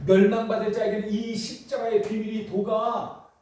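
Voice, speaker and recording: High-voiced pastor preaching in an echoing hall. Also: male voice, flat delivery, moderate pace, mellow, a little hiss or hum. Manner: emphatic, many rhetorical questions to the congregation. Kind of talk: sermon. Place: church sanctuary. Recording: echoey church hall from far off.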